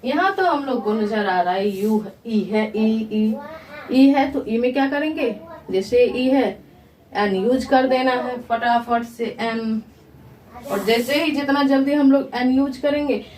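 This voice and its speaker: A woman's voice: a little high, darkish tone. A woman English teacher giving a grammar lesson, asking her students questions and answering them herself. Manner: slow, repeats questions to the class and answers them. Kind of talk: grammar lesson explained in Hindi. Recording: echoey room, voice from far.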